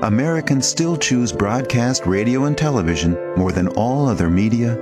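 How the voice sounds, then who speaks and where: A man's voice: mid-range voice, lively intonation, moderate pace. A man giving scripted narration for a broadcast promo, solemn and stately. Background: loud music.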